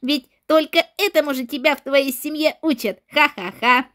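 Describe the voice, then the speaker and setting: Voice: high voice, fairly even intonation, moderate pace, fairly bright tone, pitched below the performer's own voice. A performer voicing an arrogant schoolboy in a game role-play, boastful and mocking toward classmates. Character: arrogant schoolboy who calls himself the coolest.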